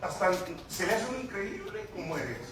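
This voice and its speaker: A man's voice: sits high, big pitch swings, moderate pace, over a noisy crowd. A man preaching an impassioned Pentecostal sermon, speaking straight to his congregation. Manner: impassioned, addresses congregation directly. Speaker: pastor. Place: church hall. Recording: echoey church recording from far off.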